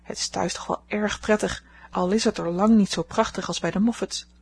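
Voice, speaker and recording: Young woman at a ball, rueful and a little husky, read by a woman narrator. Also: medium pitch, steady tone, moderate pace. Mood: confiding.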